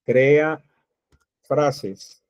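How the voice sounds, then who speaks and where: Slow-speaking man teaching code. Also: medium pitch, darkish tone, smooth, no room sound. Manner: slow, thinking aloud while typing code. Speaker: programming teacher. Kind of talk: screen-recorded coding tutorial. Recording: dull, lo-fi dry recording.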